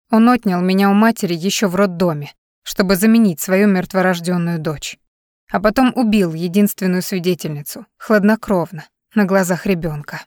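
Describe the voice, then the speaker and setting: A woman's voice: mid-range voice, dry recording, clean studio sound, natural voice. Woman voicing a tearful, weary young woman. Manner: emotional, pleading.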